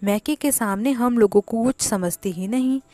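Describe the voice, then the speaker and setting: A woman's voice: on the high side, normal speed, dark tone, dry recording, close to an everyday voice. A woman voicing a hot-tempered, rude young village man in a storybook reading, with a curt, scolding delivery. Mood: angry.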